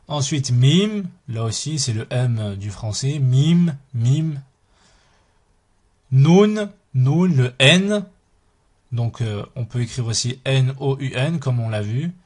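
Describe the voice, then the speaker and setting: Husky-voiced man teaching letters slowly. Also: mid-range voice, lively intonation, darkish tone. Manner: slow, repeats each letter aloud several times. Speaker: Arabic teacher. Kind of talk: language lesson.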